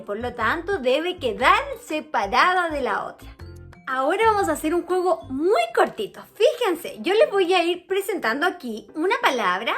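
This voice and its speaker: A young woman teaches a lesson to children in a high, bouncing voice that climbs and dips. She speaks slowly and patiently, stretching out each key word. Soft children's music plays faintly behind her. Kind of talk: online grammar lesson for children.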